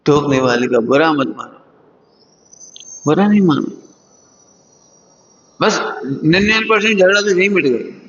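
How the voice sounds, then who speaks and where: A man preaches to a hall of students, his voice sitting fairly high and full of life as he acts out little scoldings and chuckles along the way. The sound rings with long reverb from a large hall. The recording itself is dull and lo-fi. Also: a little slow, pauses often, slight background noise. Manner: lively, acts out scoldings with sudden high jumps; chuckles often while teaching. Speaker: Jain religious teacher. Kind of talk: morning sermon to students.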